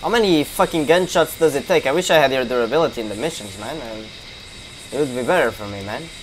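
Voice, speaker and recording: A man's voice: mid-range voice, lively intonation, fast talker, a little hiss or hum. A young man giving casual gameplay commentary, reacting and swearing as he talks to himself. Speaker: gamer streamer. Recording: game gunfire behind voice. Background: gunshots and game ambience.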